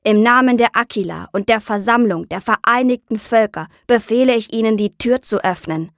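Stern male soldier commander barking orders, loud and hard, as a woman narrator puts him on; fairly high voice, dry close sound. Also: moderate pace, dry recording, natural voice. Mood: commanding.

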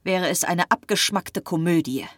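A weary young man with a mocking edge, heard in a storybook reading. A woman narrator voices him in a fairly low register, recorded dry and close. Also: moderate pace, dry recording, natural voice. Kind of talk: audiobook reading.

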